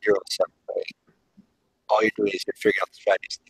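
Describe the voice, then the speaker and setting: Methodical male explainer, low and gravelly, on a garbled call that sounds underwater. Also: flat delivery, fast talker, fairly bright tone, no echo. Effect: muffled, garbled online call audio that sounds underwater. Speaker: co-host of a discussion show. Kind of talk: casual explanatory discussion.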